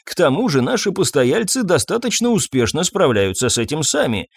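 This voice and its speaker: A man voicing a suave male hotel owner who talks calmly, politely and ironically. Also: on the high side, a little fast, vocal fry, slightly rough, dry recording, clean studio sound, heavily acted. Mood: ironic.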